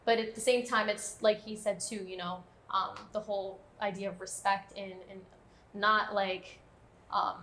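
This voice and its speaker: A woman's voice: mid-range voice, little pitch movement, unhurried, sharp tone, a little hiss or hum. A woman of twenty-five speaking as a panelist, chatty and often tagging her points with "right?". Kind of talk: casual discussion.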